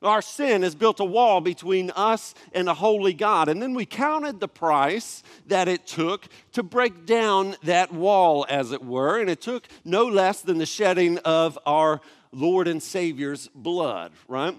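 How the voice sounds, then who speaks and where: A man in his thirties preaching a sermon, telling a family story in a relaxed, conversational way with asides to the congregation. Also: high-pitched, measured pace. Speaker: pastor. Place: church sanctuary. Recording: long church hall reverb.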